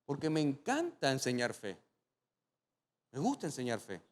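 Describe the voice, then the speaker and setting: A male pastor preaching a sermon, telling stories with animation and rising to sudden loud climaxes. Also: medium pitch, huge pitch swings, normal speed.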